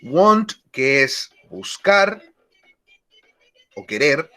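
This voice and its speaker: Male teacher, bright and slightly high; slow, deliberate classroom explanation. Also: very animated. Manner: slow, deliberate explanation, repeats key words. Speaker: English teacher. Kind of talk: online grammar lesson.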